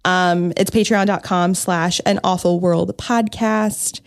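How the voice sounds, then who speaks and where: A woman's voice: on the low side, fairly even intonation, slow, smooth, no echo. A young woman co-hosting a podcast in casual chat, bubbly and giggly, filling her talk with "like". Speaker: podcast co-host.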